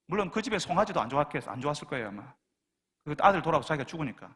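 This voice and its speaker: Preacher, male, high and animated, echoing church hall. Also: rapid-fire. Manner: rhetorical questions, acts out complaining voices. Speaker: pastor. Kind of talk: sermon.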